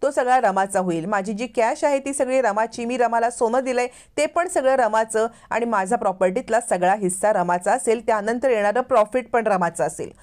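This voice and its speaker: A woman's voice: fairly high pitch, normal speed, hardly any pauses, a little mellow, natural voice. A woman voicing a young husband who firmly sets out his will, in a retold drama.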